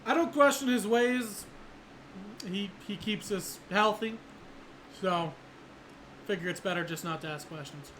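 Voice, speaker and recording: A man puts on a firm ship leader who talks slowly and deliberately, a little raised in pitch and volume. The voice sits over constant background noise. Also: fairly bright tone. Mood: calm. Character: steady male ship leader, calls others boy. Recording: noisy background.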